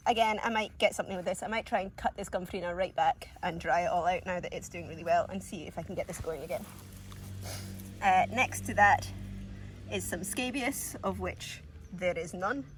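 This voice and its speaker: With a voice on the low side and a moderate pace, a sniffly gardening vlogger nursing a cold gives a casual tour of her allotment, full of ums and little laughs. Faint background noise can be heard.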